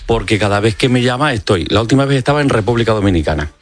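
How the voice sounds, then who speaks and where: Low-voiced doctor from Extremadura. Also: male voice, expressive, rapid-fire, no echo. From Extremadura, Spain. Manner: explanatory, with frequent fillers and restarts. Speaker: ophthalmologist guest. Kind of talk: radio interview. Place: radio studio. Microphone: studio microphone.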